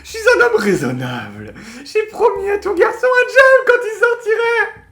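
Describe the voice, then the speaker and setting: A man's voice: very high-pitched, very animated, moderate pace, fairly bright tone, full character voice. A streamer acting out a sneering, sadistic male prison gang boss with a mocking, theatrical delivery. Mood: gloating.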